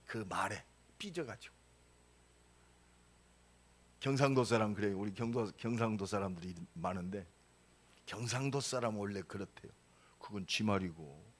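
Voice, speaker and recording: A pastor in his sixties preaching a sermon, emphatic with sudden loud rises and casual storytelling asides. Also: lowish voice. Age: 60s.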